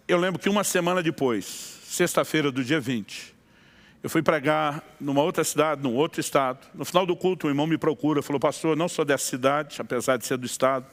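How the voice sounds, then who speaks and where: A middle-aged man preaching as a pastor, telling a story with lively acted-out dialogue and frequent laughter. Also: on the high side. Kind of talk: sermon storytelling.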